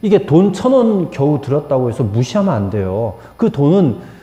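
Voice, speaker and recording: Man, pastor, sermon, lively pitch, warm tone, roomy church echo. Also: normal speed, highs cut off. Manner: animated preaching, shifting from soft to emphatic. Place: church sanctuary. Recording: echoey church hall.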